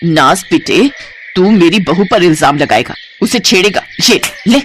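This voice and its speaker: A woman's voice: fairly low pitch, lively intonation, measured pace, a little hiss or hum. A woman voicing a kind older mother-in-law in a Hindi horror storybook, speaking in a soothing, motherly way. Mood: scolding.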